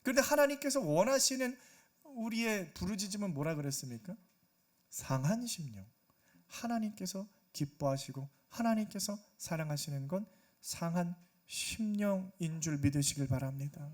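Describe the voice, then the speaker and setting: Korean pastor guy preaching hard, highish voice, acts out prayers n rebukes. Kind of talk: sermon.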